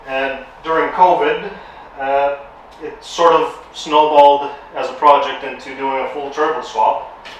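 A man in his thirties from Romania, a car owner chatting casually about his build, relaxed with frequent fillers. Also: mid-range voice, unhurried, a little hiss or hum. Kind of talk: casual chat. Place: tuning workshop, indoors. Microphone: far camera. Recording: echoey workshop from far off.

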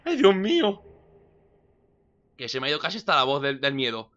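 A young man from giving casual let's-play commentary, excitable and swinging between loud outbursts and muttering. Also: medium pitch, racing, clean tone, dull audio. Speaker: gameplay commentator.

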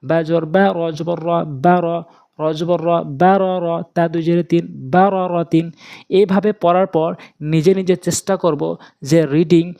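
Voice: medium pitch, normal speed. Bangladeshi teacher chanting spelling drills. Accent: Bangladeshi Bengali. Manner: steady, repetitive sing-song spelling drill. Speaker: Quran reading teacher. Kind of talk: recitation drill lesson.

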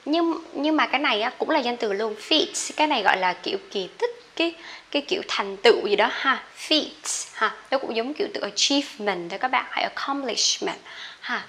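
A woman with a Vietnamese accent runs a friendly vocabulary lesson, talking to viewers directly. Her voice is bright and slightly high. She says each word over and over for them to repeat, with light noise behind her. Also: expressive, normal speed. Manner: chatty, addresses viewers, repeats words for drilling. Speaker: English teacher.

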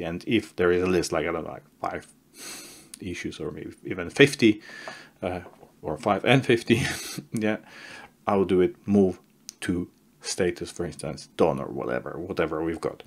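Low gravelly man walking through software. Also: normal speed. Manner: conversational, restarts and repeats words, stresses key warnings. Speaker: software tutorial presenter. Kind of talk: casual screen-share tutorial.

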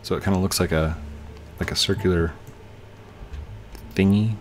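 With a deep voice, fairly even intonation and a moderate pace, the slightly tired thirties host gives casual let's-play commentary on a building game. He talks to game objects and hums while working, recorded on a headset at home with slight background noise.

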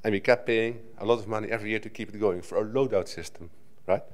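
A man's voice: on the low side, fast talker. Middle-aged Dutch man giving a conference talk. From Netherlands. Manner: conversational, with frequent restarts and filler "right?". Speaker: conference speaker. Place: conference hall stage at a lectern. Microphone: lectern microphone.

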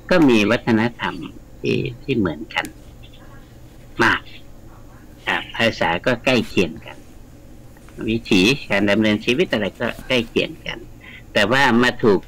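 A man's voice: fairly low pitch, a bit bright, slight background noise, poor audio. A man, a guest scholar, explaining at length in a radio studio interview, chatty and lecturing, with frequent polite particles. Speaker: guest scholar of the Mekong region.

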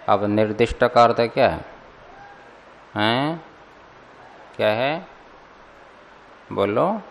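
A low-voiced man leads a scripture class at a very unhurried pace. He explains each point deliberately and keeps checking in with his students through questions. His voice rings with a long hall reverb. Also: slight background noise. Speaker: Sanskrit scripture teacher. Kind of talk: classroom commentary lecture.

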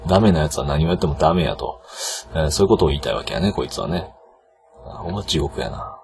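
A man with a Kansai accent giving casual let's-play commentary, excitable and bursting into loud yelps and cries, on a noisy old home recording. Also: very deep voice, fast, creaky. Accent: Kansai Japanese. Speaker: game commentator.

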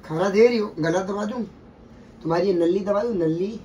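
A man's voice: high-pitched, brisk, mellow, far from the mic, slight background noise, rough recording. A young man nagging his girlfriend in a casual vlog, pleading and making playful mock threats. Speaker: vlogger pranked by girlfriend. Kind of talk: casual couple vlog banter.

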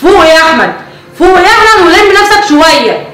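High fast egyptian sister nagging her brother, a woman acting, echoey room. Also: expressive, fairly bright tone, faint music behind. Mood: scolding. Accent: Egyptian Arabic. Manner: nagging, lecturing. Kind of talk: family web drama acting.

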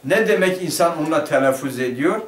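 Heard from across an echoey, roomy classroom, a male teacher with a higher voice leads a Turkish madrasa lesson on a grammar text. Animated and brisk, he quizzes the class and then answers his own questions.

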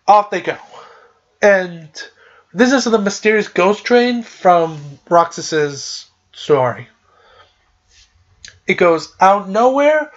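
A man's voice: high voice, dull audio. A man hosting a podcast, casually recapping a video game plot in a rambling, filler-heavy way.

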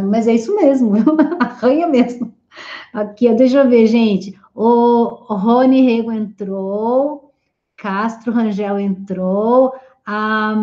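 A woman's voice: fairly high pitch, warm tone. A woman French teacher hosting a live class, cheerfully reading out viewer comments and greeting each person by name. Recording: roomy, dull lo-fi stream audio.

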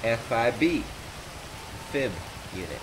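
A young man hosting a game channel, giving joking, hyper let's play commentary with shouted bursts. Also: medium pitch, expressive, slow pace. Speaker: gaming channel host. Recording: noisy game audio underneath.

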